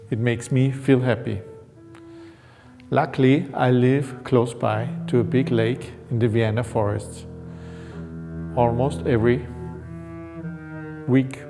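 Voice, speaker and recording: A man, calmly narrating his life as a painter in English. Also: mid-range voice, big-room sound. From Austria. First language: German. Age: 50s. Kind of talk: reflective personal narration.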